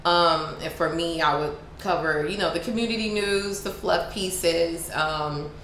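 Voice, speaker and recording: A woman from Miami with a Miami accent, talking fast and informally as a journalist being interviewed. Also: on the low side. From Miami, United States. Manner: fast, animated, informal speech. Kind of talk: casual interview chat. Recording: roomy echo with faint background noise.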